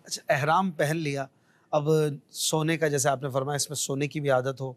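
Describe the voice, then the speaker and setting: A man's voice: fairly high pitch, little pitch movement, dry recording. A man hosting an interview, asking practical questions and backing the guest with short affirmations. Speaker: host.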